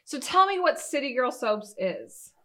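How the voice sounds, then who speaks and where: A woman's voice: high-pitched, big pitch swings, unhurried, fairly bright tone. A woman from Michigan hosting a casual interview, asking chatty, rambling questions. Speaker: host.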